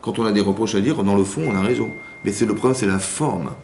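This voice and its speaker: This rabbi is a fast talker with a lowish, darkish voice. In an echoey community hall with a faint hum, he gives women an informal class, chatting with many repetitions and restarts and acting out the quoted spouses.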